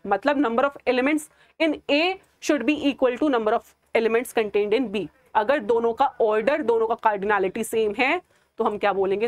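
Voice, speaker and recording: A woman's voice: on the high side, dry recording. A woman teaching a math lesson, mixing Hindi with English terms and answering her own rhetorical questions. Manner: asks rhetorical questions and answers them herself. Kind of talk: classroom lecture.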